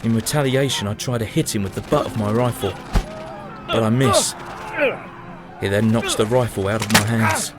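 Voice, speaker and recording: Voicing a young, weary British soldier in the 1917 trenches, a man speaks in a low, haunted tone close to an everyday voice at a moderate pace. The first-person audio drama diary narration is somber, reflective and dramatic with an urgent, panicked mood, and the recording is very noisy, with dramatic music behind the voice.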